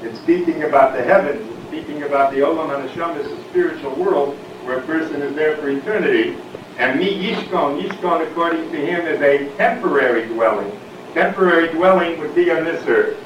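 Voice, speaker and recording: A man's voice: on the high side, fairly quick. A man giving a Torah lecture, explaining verses and asking rhetorical questions, often saying "we'll say" and "I mean". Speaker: Torah teacher. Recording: echoey, distant, dull and noisy.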